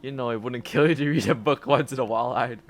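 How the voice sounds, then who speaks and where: A man's voice: medium pitch, quick pace. A young man, rambling and laughing through casual gaming commentary as a streamer, with lots of stammered restarts.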